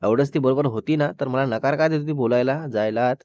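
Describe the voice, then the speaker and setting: A man's voice: medium pitch, fast talker, a little mellow, no room sound, lightly acted. Hot-tempered young man, defiant, read by a male storyteller; dull, dry audio. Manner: angry, defiant.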